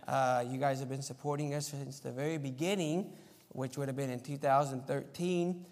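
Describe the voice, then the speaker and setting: Raised in Argentina as a missionary kid, a man preaches as a visiting missionary at a live Sunday service in a church sanctuary, giving a plain-spoken, informal sermon with anecdotes and prayer. His medium-pitched, slightly mellow voice keeps a fairly even intonation at normal speed. The echoey hall adds long reverb.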